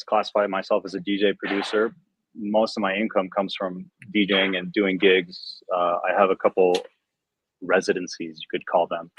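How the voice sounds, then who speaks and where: On a livestream video call, a guest DJ and producer, a young American man whose voice sits low, rambles casually and uses plenty of fillers in a relaxed way. The lo-fi audio is dull and dry, with no echo.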